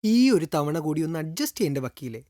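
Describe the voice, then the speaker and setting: An actor playing an eager, pleading young sidekick in a comedy film, wheedling colloquially in a Thrissur Malayalam accent. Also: male voice, fairly high pitch, sing-song, a little fast, mellow, no room sound, clean studio sound. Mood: pleading, earnest. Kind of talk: naturalistic film comedy acting.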